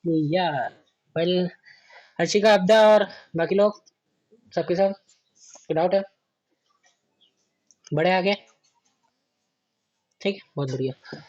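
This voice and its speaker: A male teacher with a high-sitting, darkish voice gives a chatty literature lesson in class. He keeps asking his students whether they have doubts and reads verse very slowly.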